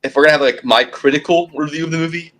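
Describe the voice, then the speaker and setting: Fast-talking young man on low-quality phone audio. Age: young adult. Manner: quick, excitable, many restarts. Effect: low-quality phone recording of a stream. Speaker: podcast co-host. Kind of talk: casual fan podcast chat.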